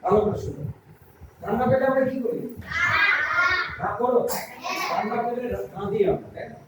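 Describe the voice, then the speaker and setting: Echoey lively woman teaching children acting. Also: a little high, normal speed. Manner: lively, questioning, coaxing children. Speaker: theatre workshop teacher. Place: school classroom. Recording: echoey room, far from mic, noisy.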